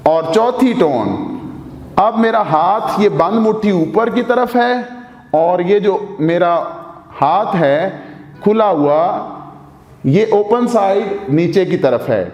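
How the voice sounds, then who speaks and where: A man's voice: high-pitched, lively intonation, slow pace, darkish tone, lo-fi sound. A man teaching a video language lesson, patient and formal, going over each point step by step. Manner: formally addresses viewers. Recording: echoey room with long reverb.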